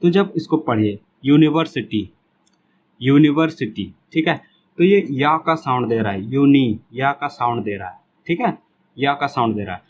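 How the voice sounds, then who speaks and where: A man's voice: medium pitch, expressive, moderate pace, dull audio, slight background noise. A man teaching an English grammar lesson in Hindi, patiently repeating words and asking and answering his own questions. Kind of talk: classroom lesson explaining grammar.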